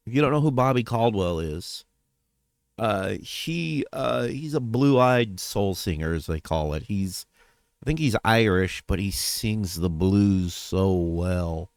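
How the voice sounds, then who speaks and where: A man's voice: on the low side, no echo. A man talking casually in a personal vlog update, rambling, trailing off and correcting himself as he goes. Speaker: vlogger.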